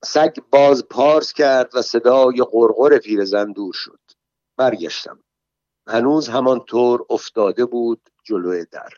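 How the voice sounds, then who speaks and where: Guy reading a first-person audiobook, calm and measured, close dry mic, kinda dull lo-fi sound. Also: mid-range voice, no echo. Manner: calm, measured, plain storytelling. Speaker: narrator.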